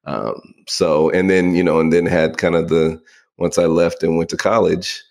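Man, forties, very low voice, gravelly, laid-back rambling podcast co-host. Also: normal speed. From San Francisco Bay Area. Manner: relaxed, rambling, many fillers. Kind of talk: casual chat.

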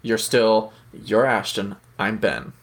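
A man's voice: on the low side, lively intonation, slow. A man co-hosting a podcast, telling a rambling story with jokey asides in casual chat. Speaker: podcast co-host.

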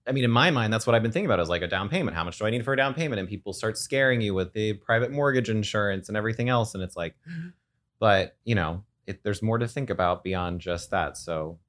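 Man, podcast co-host, animated voice, playful, joking. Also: lowish voice, quick pace. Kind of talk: casual podcast chat.

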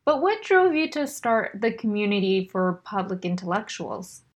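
A woman's voice: medium pitch, very animated, moderate pace. A woman hosting an interview, asking questions in a friendly, conversational way over a video call. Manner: friendly, conversational, relatable asides. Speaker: podcast host. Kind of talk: casual interview.

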